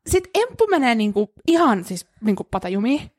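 A woman co-hosting a podcast in casual chat, telling stories and acting out what people said. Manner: animated storyteller, acts out quotes in a high voice. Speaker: podcast co-host.

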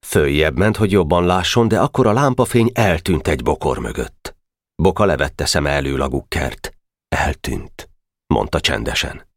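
A man's voice: rumbling low, no echo. A man reading a classic novel aloud as an audiobook narrator, voicing the boys' lines himself in the tense scenes. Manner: reads all the boys' parts himself, whispering and calling out in the tense night scenes.

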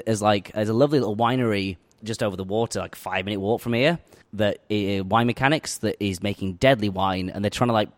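A man's voice: fairly low pitch, no room sound. A man from the north of England with a Yorkshire accent, a head brewer chatting as an interview guest, laughing often and restarting his sentences. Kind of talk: casual interview chat. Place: brewery tap room.

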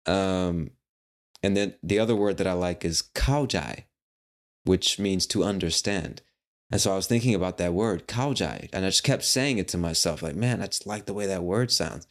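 A man's voice: low-pitched, moderate pace. A man hosting a casual solo podcast, talking in a rambling, playful way with the odd swear word. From United States. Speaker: podcast host.

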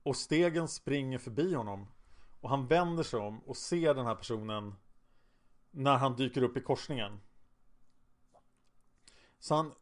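A man's voice: mid-range voice, pauses often. Male podcast narrator, casual true-crime storytelling, conversational with hesitant fillers.

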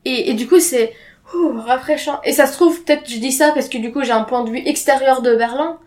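Her voice sits high with a somewhat dark tone, and she speaks fairly quickly. This young Arabic-speaking woman is a podcast guest sharing frank stories from her own life in relaxed, slangy speech, dropping in English words now and then.

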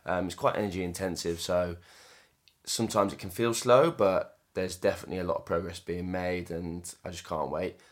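A British man with a distinctly low voice co-hosts a podcast. He talks in a casual, conversational way. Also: fairly even intonation, normal speed. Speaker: podcast co-host, property developer.

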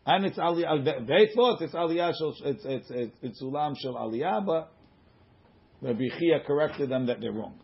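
A man's voice: on the high side, lively intonation, moderate pace, vocal fry, breathy edge. A man teaching an informal Talmud class, reading and explaining the text emphatically in question-and-answer phrasing. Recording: muffled lo-fi recording.

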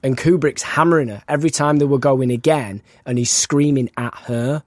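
A man's voice: medium pitch, steady tone, moderate pace, darkish tone, no echo, studio quality. A man co-hosting a podcast, chatting casually and retelling film trivia at length. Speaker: podcast co-host.

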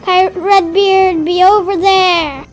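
A woman voicing a young boy rabbit pretending to be a pirate captain, with playful pirate talk over soft music. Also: very high voice, steady tone, takes it slowly, pitched above the performer's own voice.

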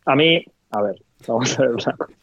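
Man, Spain, podcast guest, animated casual chat, laughs a lot, dry dull sound. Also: medium pitch, a little fast, creaky, no echo.

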